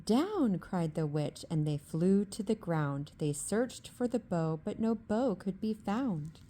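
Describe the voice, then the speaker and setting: Calm, slow woman reading a bedtime story. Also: on the low side. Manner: calm, rhythmic rhyming narration. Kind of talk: bedtime story read-aloud, ASMR.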